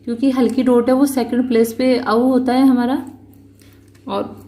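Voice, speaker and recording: A woman teaching a shorthand lesson, explaining each rule slowly and patiently, repeating points and counting out positions. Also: a little high, level tone, warm tone. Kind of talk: slow step-by-step lesson.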